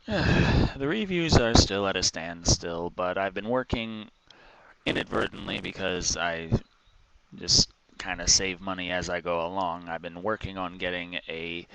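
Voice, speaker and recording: An exhausted man rambling casually in an exasperated, complaining rant, with halting pauses. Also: sits low, fairly bright tone, a little hiss or hum, rough recording. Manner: exhausted, weary, with heavy sighs and halting pauses. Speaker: vlogger.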